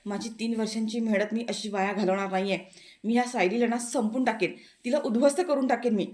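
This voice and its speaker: Lady doing an angry plotting young woman yelling threats, voice a bit high and loud. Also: brisk, lightly acted. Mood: furious. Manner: shouting, threatening. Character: furious scheming young woman jailed.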